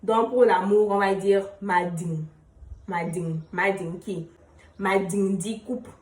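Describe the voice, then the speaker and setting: A woman's voice: mid-range voice, fairly even intonation. Woman teaching patiently in an echoey room. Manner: explains patiently, repeats example phrases slowly, trails off quietly at ends of phrases. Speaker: language teacher. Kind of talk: casual spoken lesson. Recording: roomy echo, voice a bit far from the mic.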